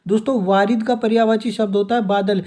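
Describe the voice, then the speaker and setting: A young man's quick, flat, high-pitched yet mellow voice leads a revision lesson for an exam, reading each quiz question and its options and then supplying the answer. He keeps referring to the listeners as friends.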